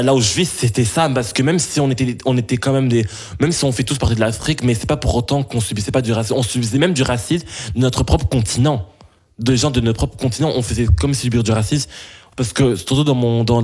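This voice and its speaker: A young man from Belgium answering interview questions, halting and full of restarts and fillers. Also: mid-range voice, darkish tone.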